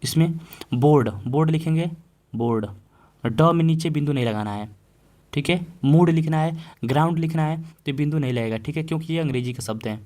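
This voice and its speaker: A male teacher whose voice is on the high side and warm preps students for an exam in Hindi grammar. He repeats example words slowly and asks the class questions before answering them himself.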